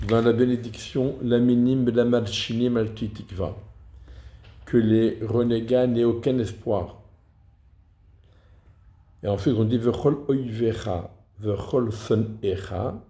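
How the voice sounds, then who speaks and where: A man giving a slow, deliberate lesson on reading liturgical texts, pausing to sound out example words. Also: medium pitch, warm tone, roomy sound. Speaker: teacher of Hebrew liturgical reading.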